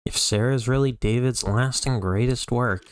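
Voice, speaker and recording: A man's voice: mid-range voice, normal speed, smooth, no room sound, natural voice. A man voicing a sardonic, guarded male investigator in a fandub, speaking drily. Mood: dry. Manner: dry, sardonic. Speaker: stream host reading the lead.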